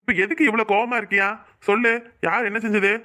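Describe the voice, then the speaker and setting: A woman's voice: mid-range voice, fairly even intonation, quick pace, pushed and bright, natural voice. A woman voicing a puzzled, pleading young husband in a Tamil cartoon. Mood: questioning. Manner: pleading, questioning.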